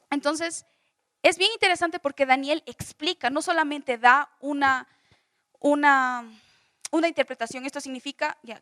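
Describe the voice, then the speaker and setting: A woman's voice: high voice, gravelly, pushed and bright, no echo, studio quality. A young woman from Bolivia teaching a Bible study class, explaining with homely examples, often restarting and repeating phrases. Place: church school classroom.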